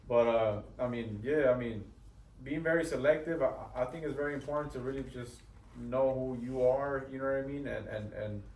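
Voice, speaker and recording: A man, co-hosting a podcast in relaxed, slangy talk that mixes English and Spanish. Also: mid-range voice, moderate pace, slight background noise. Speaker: podcast co-host. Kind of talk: casual chat. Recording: echoey room, distant mic.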